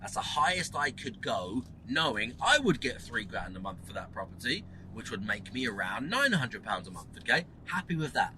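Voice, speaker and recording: A man hosting his own channel talks through a casual lesson in a bright, forceful voice. His pitch swings widely as he repeats phrases for emphasis and keeps asking the listener whether it makes sense. A faint ambience hums behind him. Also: sing-song, moderate pace, hardly any pauses, slight background noise, low-quality recording. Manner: emphatic, repetitive, rhetorical questions, swears. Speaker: property investor host. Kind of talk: casual teaching monologue to camera.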